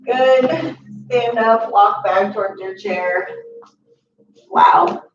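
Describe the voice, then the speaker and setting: A young adult woman guiding a chair yoga class, calmly cueing each step and slowing down to hold the poses. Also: mid-range voice. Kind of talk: guided exercise instruction. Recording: distant, roomy, dull audio with steady background noise.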